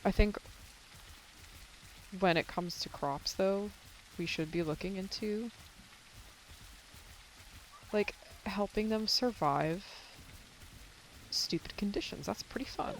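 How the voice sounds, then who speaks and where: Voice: mid-range voice, slow, long pauses, slight background noise, low-quality recording. A young adult game streamer chatting casually with viewers while playing, rambling and swearing a little, and losing their voice. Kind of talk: casual live-stream chat while gaming.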